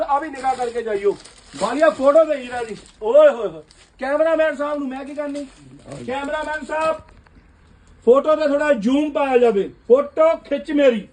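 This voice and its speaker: A shopkeeper who sells suits in his basement clothing shop shouts out prices rapid-fire in a loud live sales call. He pitches the clothes at the top of his lungs, and his voice sits extremely high for a man.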